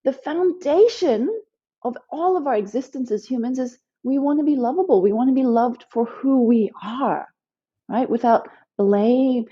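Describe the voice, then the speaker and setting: A woman's voice: a little high, warm tone, slightly rough, highs cut off. A woman coach, born in Thailand and raised in Nepal, explains her ideas at length in a podcast interview, with many fillers. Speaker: guest coach for women.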